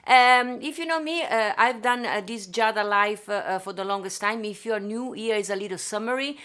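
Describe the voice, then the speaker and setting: A singer from Venice, Italy, with an Italian accent, hosts a casual livestream from her home studio. Her medium-pitched voice is a bit bright at a normal speed, and she greets viewers effusively.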